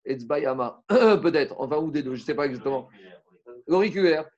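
A man's voice: medium pitch, expressive, a little fast, muffled recording. A man teaching a Talmud class in casual French, explaining step by step, asking rhetorical questions and mixing in Hebrew terms.

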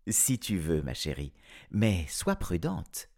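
A man voicing a calm, gentle mother in a storybook tale, speaking softly and reassuringly. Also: sits low, slow, gravelly, heavily acted.

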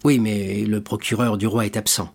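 A man voicing an ambitious young prosecutor, speaking in a smooth, self-assured, slightly ironic way. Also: lowish voice, flat delivery, normal speed, darkish tone. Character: ambitious young male royal prosecutor, suave.

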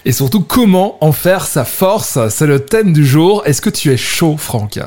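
A man's voice: a little high, lively intonation, a little slow, a little mellow. A man hosting a radio podcast, with an upbeat presenter tone. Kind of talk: hosted podcast talk.

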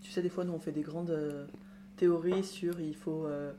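A woman's voice: sits low, steady tone, moderate pace, dark tone, soft background music. A woman hosting a podcast interview in a chatty, conversational way, with fillers. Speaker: podcast host.

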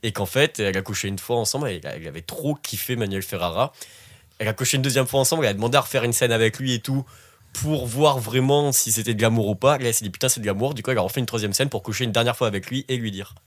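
A man's voice: mid-range voice, rapid-fire. A man chatting casually as a podcast guest, rambling through a story with many fillers. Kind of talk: casual chat.

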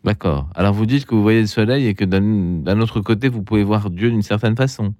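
Deep-voiced polite male radio host. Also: brisk, a little mellow, dry recording, studio quality. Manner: courteous, hesitant, many fillers. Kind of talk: late-night call-in radio. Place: radio studio. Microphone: studio microphone.

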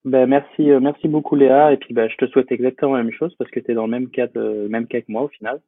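A man's voice: medium pitch, steady tone, fast talker, slightly rough. A young man, a guest in a casual interview, talking with many fillers, hesitations and restarts over a remote call. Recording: tinny phone-like line, dry.

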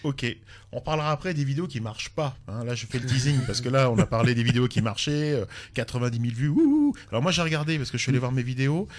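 A man hosting a radio chat, joking and asking questions in a relaxed way. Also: medium pitch, very fast, hardly any pauses. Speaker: radio host.

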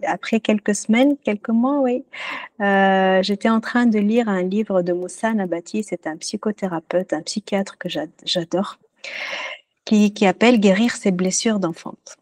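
A woman speaking as a guest in a relaxed interview, recounting her own story in an earnest, reflective way. She often pauses and restarts as she searches for her words. Her voice sits at a medium pitch and is recorded dry, with no room sound. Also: no echo. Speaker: podcast guest, music therapist. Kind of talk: casual personal storytelling in an interview.

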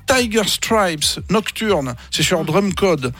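A man's voice: sits high, animated, slow, a bit bright, faint music behind. A man on a radio show presenting electronic tracks, enthusiastic and full of hesitant fillers.

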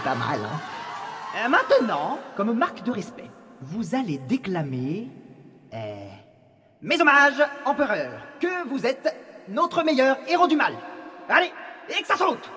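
Hammy cartoon arch-villain, very high theatrical voice, irascible and gloating, slow grand delivery. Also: male voice, very animated, exaggerated voice. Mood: smug, gloating. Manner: hammy, theatrical stage-actor declamation. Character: gloating, irascible galactic villain, self-proclaimed emperor of evil. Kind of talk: comic audio drama acting. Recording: long reverb over music and crowd.

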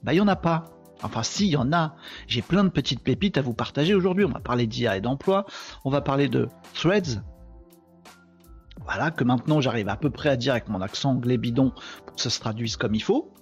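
A man hosting a casual live stream, talking in a chatty, animated way and addressing viewers as friends, a little tired. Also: mid-range voice, fast, highs cut off, soft background music. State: tired from insomnia.

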